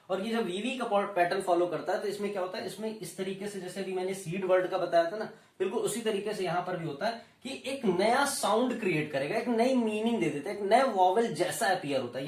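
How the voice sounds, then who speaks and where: A man with an Indian accent giving a lecture, explaining slowly and repeating key terms as he moves between Hindi and English. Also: sits high. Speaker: teacher. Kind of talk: classroom lecture. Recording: roomy echo, voice from a distance.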